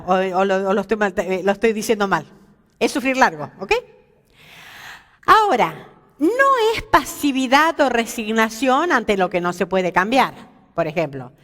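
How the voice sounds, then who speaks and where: A woman with a fairly high voice leads a Bible lesson at a women's seminar, the church hall giving her a big-room sound. She stays lively, putting questions to the audience and making jokes at her own expense.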